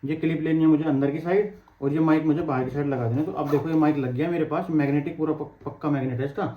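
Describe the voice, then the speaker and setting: Fast-talking man demoing gear. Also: on the high side, fairly even intonation, phone-quality sound. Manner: chatty, explains step by step while handling gear. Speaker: tech reviewer vlogger. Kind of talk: casual product demo. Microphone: wireless clip-on mic.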